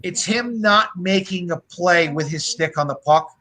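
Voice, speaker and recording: Guy on a hockey podcast, kinda high bright voice, swears a lot, rambles and restarts. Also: measured pace, low-quality recording. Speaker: podcast co-host. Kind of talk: casual hockey chat.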